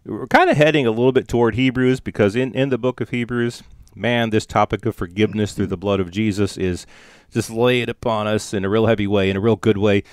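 A man's voice: lowish voice, brisk, smooth, no echo, studio quality. A young man co-hosting a podcast, talking loosely about scripture with plenty of fillers and restarts. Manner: relaxed, filler-heavy, loose phrasing. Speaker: podcast co-host. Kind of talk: casual Bible discussion.

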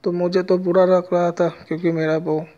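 A man telling a personal story with a moral in a slow, halting way, with many pauses. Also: high-pitched, level tone, dark tone. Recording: dull lo-fi recording.

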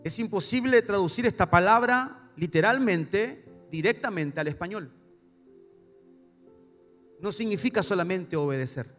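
A male pastor preaching a sermon, swinging between soft low asides and loud emphatic repetition. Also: lively intonation, measured pace, pauses often. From Paraguay. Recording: long hall reverb with faint music.

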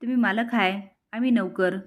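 A woman's voice: medium pitch, fairly even intonation, normal speed, lightly acted. A woman voicing a shy young housemaid from a village who talks in a rustic, modest but stubborn way.

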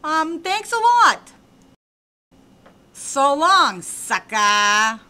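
A woman's voice: sits high, sing-song, drawn-out words, sharp tone, heavily acted. A woman voicing a brash, streetwise young girl who runs cookie scams, in a comic radio play. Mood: sassy. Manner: brash, sassy, mocking.

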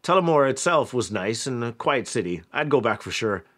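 A man's voice: medium pitch, normal speed, faint music behind. Chatty man narrating a travel vlog. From Canada. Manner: relaxed, chatty, frequent fillers. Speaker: vlogger, headphone reviewer.

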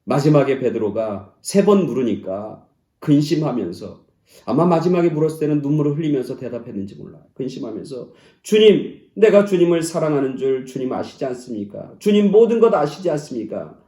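Male pastor preaching, mellow voice, goes loud and high then drops almost to a whisper, echoey church room. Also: very animated, brisk. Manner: swings from loud, high exclamations down to soft, near-whispered lines. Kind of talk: sermon. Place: church sanctuary.

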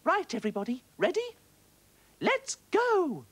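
Tiny nervous female fish, stammering and squeaky, put on by a male narrator. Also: sing-song, slow pace, a little mellow, full character voice. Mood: bold.

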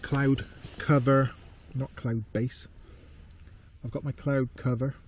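A man in his forties, a camping vlogger, talking to a handheld camera in a laid-back, low-key way in a field. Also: flat delivery, takes it slowly, a little hiss or hum. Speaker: outdoor vlogger. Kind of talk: casual solo camping vlog. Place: tarp shelter in a field at night, then walking outdoors. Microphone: handheld camera close up.

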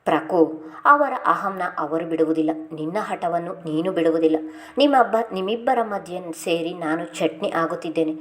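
Exasperated young husband, pleading, a bit low, read by a woman narrator. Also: moderate pace, a bit bright, close to an everyday voice. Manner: pleading, scolding.

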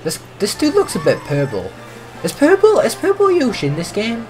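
Excitable teen boy with a cracking voice. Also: high-pitched, moderate pace, soft background music. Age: teens. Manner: excitable, chatty, prone to voice cracks. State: voice breaking with puberty. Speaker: gaming streamer. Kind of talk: live gameplay commentary.

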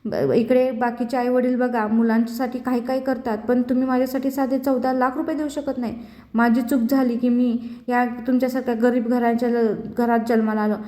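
A woman's voice: on the high side, little pitch movement, moderate pace, dark tone, natural voice. A woman doing a scornful, entitled young man. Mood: resentful. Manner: scornful, insulting, whining. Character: angry young man demanding money from parents. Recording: echoey room.

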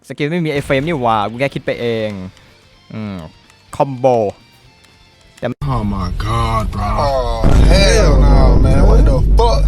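A young man giving profane, excitable commentary over his own gameplay, swearing constantly and shouting at the game. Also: mid-range voice, takes it slowly, long pauses, soft background music. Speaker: gaming YouTuber.

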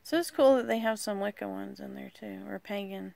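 A woman casually walking through a deck of oracle cards, rambling and hesitant with lots of pauses. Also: medium pitch, vocal fry, a little mellow, a little hiss or hum. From rural United States. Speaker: vlogger. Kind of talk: casual card walkthrough.

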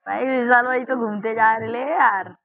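A man, giving loud, excited commentary on his own gameplay as a channel host and calling out to his opponent. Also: extremely high pitch, moderate pace, no room sound, narrow, tinny audio. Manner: loud, exclamatory, bossing his opponent around.

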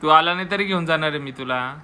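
A man's voice: on the high side, fast, bright, forceful tone, a little hiss or hum. A man filming a family vlog at home, coaxing and teasing a small child in casual talk. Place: home indoors.

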